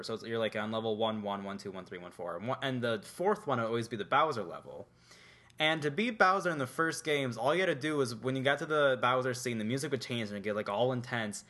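A man's voice: medium pitch, sharp tone. Rambling casual man chatting about games. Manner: rambling, many fillers, acts out game characters. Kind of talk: casual chat.

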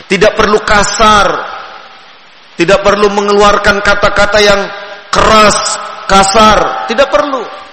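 A man giving a gentle sermon on raising children, repeating key phrases and drawing out his tones. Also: sits high, steady tone. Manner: gentle, repetitive teaching with drawn-out tones. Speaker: Islamic preacher. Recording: echoey hall with long reverb.

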